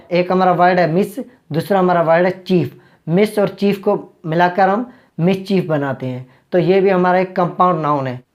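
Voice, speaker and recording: Slow, repetitive woman grammar teacher. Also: fairly low pitch, a little mellow. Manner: slow and repetitive, restating each point several times. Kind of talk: explanatory online grammar lesson.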